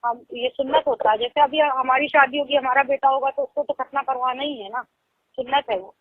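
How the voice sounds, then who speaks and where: With a steady tone and a brisk pace, a young phone caller with a Lucknow Hindi accent talks in a high voice, no echo present. The call sounds tinny; she chats informally, explains at length, and laughs easily.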